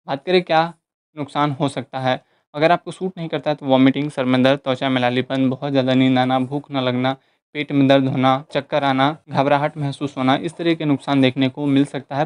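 A man giving an explanatory voice-over as host of an informational channel, listing points one after another at a steady pace. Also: mid-range voice, clear, resonant tone, no echo.

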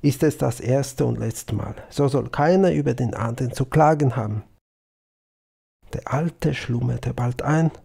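Slow gravelly male storyteller. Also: mid-range voice. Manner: calm and measured. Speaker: audiobook narrator. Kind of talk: audiobook story narration.

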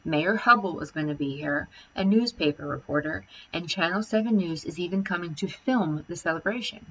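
A woman reading aloud and voicing a formal school principal making measured announcements. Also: lowish voice, highs cut off, a little hiss or hum, close to an everyday voice. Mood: announcing.

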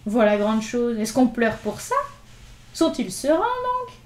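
A woman's voice: on the high side, expressive, moderate pace, darkish tone, lightly acted. A woman doing a cocky Paris street urchin. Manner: mock-grand, teasing, streetwise. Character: cheeky ragged Paris street boy, cocky. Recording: echoey room.

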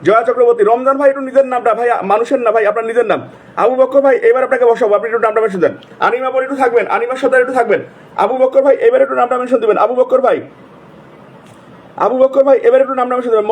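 A man with a sore throat, hosting a live stream, calling out viewers' names over and over and urging them to join and comment. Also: very high voice. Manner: repetitive, urgent calling out of names. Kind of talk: live stream shout-outs.

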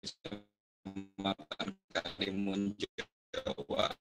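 A man's voice: sits low, little pitch movement, very slow, loud music behind the voice. A man giving a webinar talk, hesitant with many fillers, his voice breaking up and dropping out over a choppy online call connection. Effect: choppy, breaking-up online call audio. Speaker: webinar speaker.

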